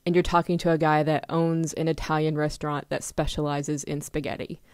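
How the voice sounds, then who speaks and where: A woman giving a casual tarot reading to her viewers, chatty and quick to laugh, acting out little examples. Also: deep voice, flat delivery, clean tone, no room sound, clean studio sound. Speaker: tarot reader.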